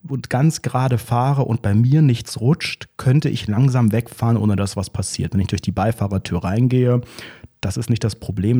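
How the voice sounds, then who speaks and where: A man co-hosting a podcast, casually telling a lively anecdote and acting out the dialogue as he goes. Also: medium pitch, husky. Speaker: podcast co-host. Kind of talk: casual chat, storytelling.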